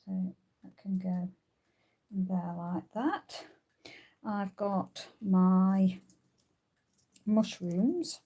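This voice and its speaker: A woman's voice: medium pitch, extremely slow, long pauses, mellow. A woman hosting a craft tutorial, thinking aloud as she works, with frequent ums and uhs. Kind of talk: casual crafting demonstration.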